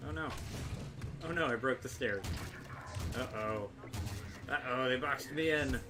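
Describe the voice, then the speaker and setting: A man's voice: medium pitch, unhurried, distant mic. Guy streaming a video game, chatting casually, swears a lot, sounds away from the mic w game noise behind. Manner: wry, swears freely. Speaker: game livestreamer. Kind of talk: casual gameplay commentary, chatting with viewers.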